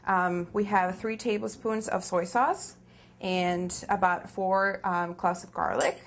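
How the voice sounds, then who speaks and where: Creaky-voiced woman with a Venezuelan accent. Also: lowish voice, fairly even intonation, slow pace. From Caracas, Venezuela. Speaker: cooking demonstrator. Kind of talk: informal step-by-step cooking instruction. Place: small home kitchen, indoors.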